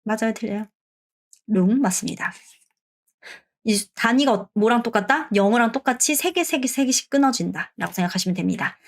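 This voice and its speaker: A woman teaching an online Vietnamese lesson, explaining step by step and saying example phrases slowly. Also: on the high side, expressive, vocal fry.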